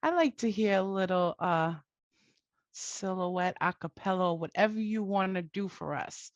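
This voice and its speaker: A woman's voice: mid-range voice, a little slow, dry recording, muffled recording. A woman co-hosting a casual talk show, chiming in with enthusiasm. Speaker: co-host.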